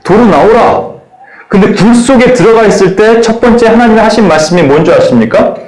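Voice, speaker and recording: A man preaching a sermon in an animated way, acting out the voices he quotes. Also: high-pitched, fast, reverberant, rough recording. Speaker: pastor.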